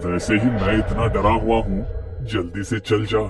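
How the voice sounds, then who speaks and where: A man's voice: on the low side, steady tone, moderate pace, distant mic, voice pushed down, close to an everyday voice. Man playing a timid, anxious male servant driver. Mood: frightened. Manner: anxious, respectful, pleading. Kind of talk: horror cartoon story acting. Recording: music behind the voice.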